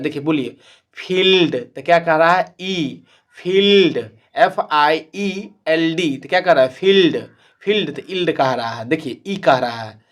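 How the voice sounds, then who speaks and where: A man teaching English spelling rules in an online lesson, who spells letters out slowly and keeps asking questions before he answers them himself. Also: a little high. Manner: calls viewers "my dear friends".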